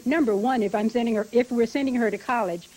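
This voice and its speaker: A woman's voice: on the high side, fast talker, darkish tone, poor audio. A middle-aged woman making a firm comment from a talk show audience. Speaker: studio audience member.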